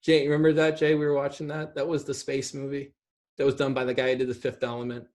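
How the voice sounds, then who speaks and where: A man in his thirties talks films on a video call from a room at home, sitting back from his computer. His mid-range, darkish voice is fast and completely flat in delivery, though his casual chat rambles and turns emphatic.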